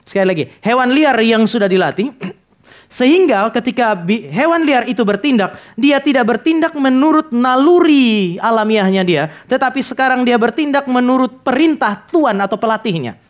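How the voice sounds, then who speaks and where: A man's voice: very high voice, animated, normal speed. A man preaching a sermon as pastor of a church, speaking directly to the congregation and telling stories with acted-out dialogue.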